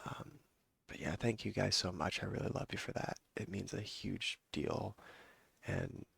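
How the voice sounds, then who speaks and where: A man's voice: low voice, a little slow, gravelly, a bit bright, husky, dry recording. A man giving a casual rambling update to his viewers, with many fillers and restarts. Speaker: vlogger and yoga teacher.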